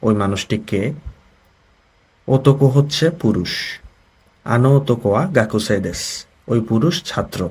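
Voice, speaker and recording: Speaking in a fairly low, slightly rough and a little mellow voice, this Bangladeshi-accented man runs a Japanese vocabulary lesson. For every word he gives an explanation, reads and translates an example sentence, and frequently checks that his learners are keeping up.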